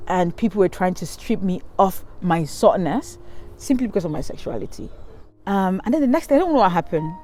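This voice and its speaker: Speaking at medium pitch, a little fast and animated, this Cameroonian vlogger has a dark tone over slight background noise. She films herself by a river with a handheld camera held out at arm's length, telling a rambling, candid story with plenty of ums and false starts.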